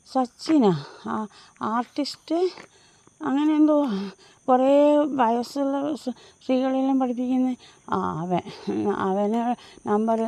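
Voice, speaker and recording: A woman in her fifties from Mahe, Puducherry, speaks with a Mahe Malayalam accent in a fairly high, warm voice. A vlogger and home tutor, she rambles casually into her phone on an early-morning outdoor walk, restarting often and using lots of fillers.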